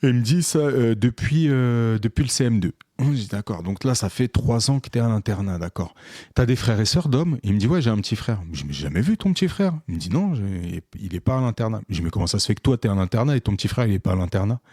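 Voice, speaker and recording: Low-voiced man telling a story. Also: fast talker, dry recording, clean studio sound. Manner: animated, re-enacts dialogue with many fillers. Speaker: podcast co-host, photographer. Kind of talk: casual storytelling chat.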